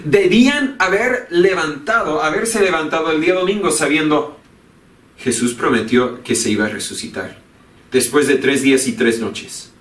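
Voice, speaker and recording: A man's voice: a little high, animated, moderate pace, fairly bright tone. A pastor preaching a sermon earnestly, repeating his key phrases for emphasis. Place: church sanctuary. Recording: echoey church from far off.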